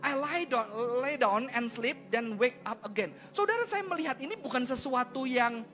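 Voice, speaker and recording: A man preaching a sermon in a lively, conversational way, tossing rhetorical questions and casual slang at the congregation. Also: very high-pitched, normal speed, faint music behind. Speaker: pastor.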